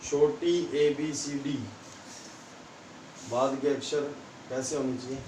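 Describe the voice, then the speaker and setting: A man with a Rajasthani Hindi accent teaching a school science class, explaining slowly and repeating points for the students. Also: mid-range voice, level tone, mellow, a little hiss or hum. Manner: slow, repetitive explaining to students. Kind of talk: classroom lesson. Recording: echoey room, mic far off.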